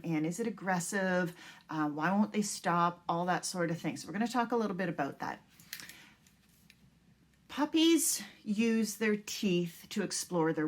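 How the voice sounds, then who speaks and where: A woman dog trainer talking casually to puppy owners, reassuring and repeating her points with filler words. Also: mid-range voice. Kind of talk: casual instructional talk.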